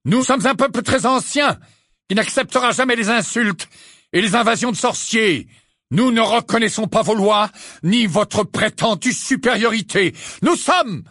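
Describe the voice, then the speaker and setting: A proud centaur elder who declaims sternly and defiantly, as a male reader puts him on. The voice sits raised and lively above the reader's own, with a husky edge, in a dry, close audiobook recording. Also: high voice, unhurried, no room sound, pitched above the performer's own voice, full character voice.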